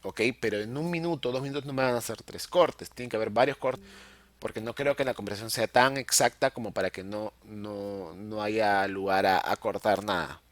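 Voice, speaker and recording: A man's voice: fairly low pitch, normal speed, no room sound. A middle-aged man teaching a video-editing class, patiently explaining each step and checking in often with his students. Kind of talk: screen-recorded software tutorial.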